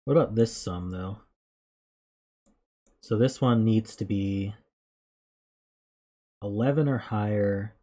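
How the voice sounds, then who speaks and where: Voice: mid-range voice, slow, pauses often, dark tone. A streamer thinking aloud while working through a puzzle, musing in self-questions and correcting themself in casual commentary. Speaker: live streamer.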